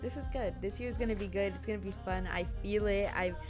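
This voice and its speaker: A woman's voice: mid-range voice, fast talker, music in the background. A young woman hosting a podcast, chatting casually and laughing, with swearing thrown in. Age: young adult. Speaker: podcast host. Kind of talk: casual chat.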